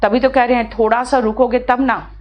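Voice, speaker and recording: A fairly high-voiced woman with an Indian accent teaches an English class in Hindi. She speaks patiently and reads example sentences slowly and deliberately. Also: little pitch movement, lo-fi sound, a little hiss or hum. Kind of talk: live online class, answering student questions.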